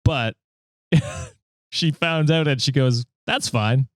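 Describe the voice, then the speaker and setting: A man's voice: medium pitch, slow pace, dry recording, studio quality. A man co-hosting a casual podcast, teasing the others and laughing often. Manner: giggly, teasing. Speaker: podcast co-host. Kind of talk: casual chat.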